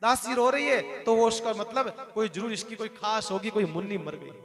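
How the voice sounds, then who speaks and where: A male preacher telling a devotional story to a gathering, acting out the characters' wailing in an animated voice. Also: high voice, moderate pace. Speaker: katha preacher. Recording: live crowd audible behind.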